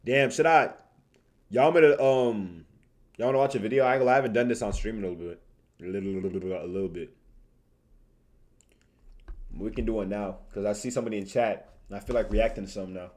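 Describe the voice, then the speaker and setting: On a livestream, a young Tanzanian man who streams and makes videos chats casually in informal slang, repeating phrases for emphasis. His voice is lowish and darkish in tone, and he talks fast with frequent pauses.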